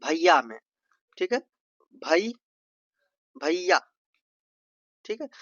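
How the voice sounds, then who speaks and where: A man's voice: a little high, big pitch swings, very slow, a bit bright, no echo, dull audio. A man from Bihar with a Bihari accent, teaching an informal revision lesson as an exam tutor, playfully stretching out vowels to demonstrate them and calling his viewers brother. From Bihar, India.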